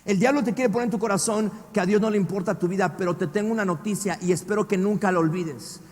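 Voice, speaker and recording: A Mexican pastor preaching a dramatic sermon, swinging from quiet asides to shouting and firing rhetorical questions at the congregation. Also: male voice, high-pitched, fast talker, big-room sound. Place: church.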